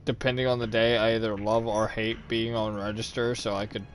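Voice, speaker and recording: A man's voice: lowish voice, level tone, brisk, faint music behind. A man hosting a chat show, telling a casual story, swearing freely and laughing at his own jokes. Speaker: host.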